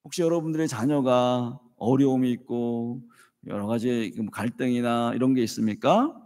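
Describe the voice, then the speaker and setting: A man in his fifties preaching a sermon, telling a family story in a lively way and acting out the voices in it. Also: mid-range voice, moderate pace. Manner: storytelling, animated, acts out dialogue. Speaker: pastor. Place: church sanctuary. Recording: reverberant church hall.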